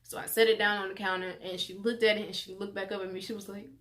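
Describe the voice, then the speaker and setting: A woman's voice: mid-range voice, fast. A young adult woman vlogging, telling a personal story in a casual, chatty way with lots of "like" and restarts. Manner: animated retelling full of "like" and acted-out quotes.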